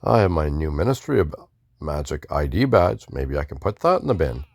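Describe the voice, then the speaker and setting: A man's voice: very deep voice, sing-song, normal speed, creaky, a little mellow, dry recording, studio quality. A man casually talking through a video game playthrough, mumbling offhand asides and restarting words. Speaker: gamer doing a playthrough. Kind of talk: casual gameplay commentary.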